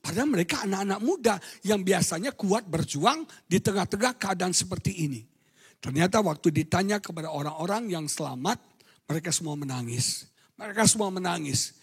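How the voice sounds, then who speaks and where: A male pastor preaching a sermon in an animated style, moving from quiet storytelling to shouted emphasis. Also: high voice, brisk, breathy edge, long reverb tail.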